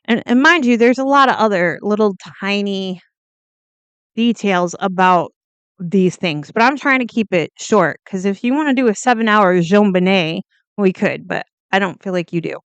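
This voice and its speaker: A woman's voice: medium pitch, moderate pace, a bit bright, smooth, no echo. A woman hosting a casual true crime video, talking bluntly and chattily, swearing now and then and drifting off on tangents.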